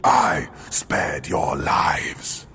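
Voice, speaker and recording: A man voicing a sinister adept merged with an alien hive, speaking in a slow, breathy, gravelly whisper that rises into cries. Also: very deep voice, sharp tone, heavily acted. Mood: fervent. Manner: slow, hissing, gloating, rising to cries. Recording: noisy background.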